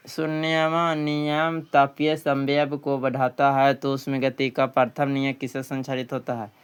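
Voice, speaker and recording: Clear and resonant, this mid-range male voice has a Bihari accent. He's teaching a quiz lesson for an exam, reading out questions, often saying them twice, before supplying the answers.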